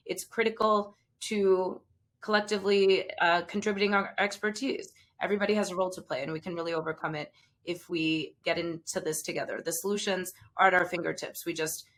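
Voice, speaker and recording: A woman's voice: fairly low pitch, fairly bright tone. A woman host earnestly wrapping up an interview and thanking her guest. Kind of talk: interview wrap-up.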